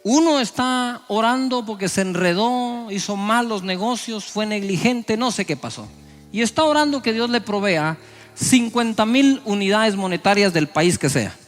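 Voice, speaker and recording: Middle-aged male pastor, high-pitched, theatrical sermon delivery, light music underneath. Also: normal speed. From Guatemala. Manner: dramatic preaching, acting out people's prayers in raised voices.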